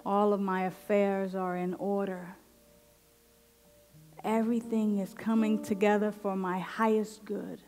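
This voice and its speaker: A woman minister leading a guided affirmative prayer in slow, deliberate, meditative phrases with long pauses. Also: medium pitch, level tone, darkish tone, soft background music. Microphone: headset microphone.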